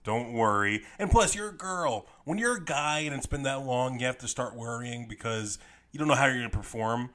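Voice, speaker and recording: A man's voice: mid-range voice, lively intonation, moderate pace, pushed and bright. A man co-hosting a podcast, easygoing and teasing, laughing a lot. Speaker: podcast co-host. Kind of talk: casual podcast chat.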